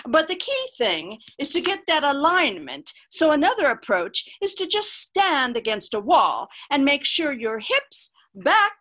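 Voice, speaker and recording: A woman's voice: sits high, very animated, unhurried, few pauses, pushed and bright, exaggerated voice. A woman playing a patient vocal coach. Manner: patient, with hesitant "uh" fillers. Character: patient female vocal coach, mildly exasperated. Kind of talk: comedic radio sketch.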